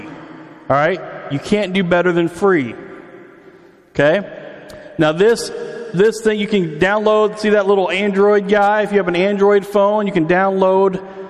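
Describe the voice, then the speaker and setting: A man in his forties preaching a sermon in a church hall, chatty and quizzing the congregation, his voice echoing through a big hall. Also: sits high. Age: 40s. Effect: big hall echo. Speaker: pastor. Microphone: PA microphone. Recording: reverberant hall.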